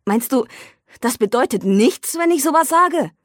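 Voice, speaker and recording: A woman's voice: high voice, animated, measured pace, no room sound, clean studio sound, pitched above the performer's own voice. Woman voicing a sarcastic jealous young man. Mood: furious ranting. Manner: sarcastic, escalating into shouting rants. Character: irritable jealous young man, bartender type.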